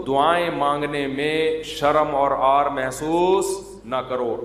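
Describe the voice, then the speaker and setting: A man giving a conversational religious talk as an Islamic scholar, mixing humor with teaching and mimicking drawn-out calls to prayer. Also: fairly high pitch. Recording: echoey hall, faint ambience.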